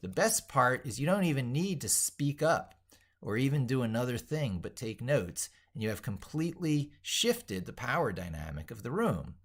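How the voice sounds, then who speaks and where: This tech educator and video host, a middle-aged man, reads his in-progress essay aloud with theatrical, wordy emphasis. His mid-range voice is slightly rough with big pitch swings, and his pace is normal.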